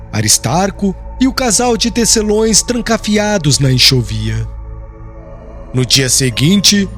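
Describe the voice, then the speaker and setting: Narrating an audiobook in a dramatic, scripted style, this Brazilian man sounds high-pitched and a bit bright. He tells the story in a measured, formal, theatrical way.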